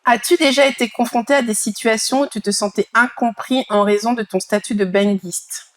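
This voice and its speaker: A woman with a Parisian French accent co-hosting a podcast in casual chat, telling things in an animated, informal way. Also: fairly high pitch, a little fast, no echo. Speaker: podcast co-host.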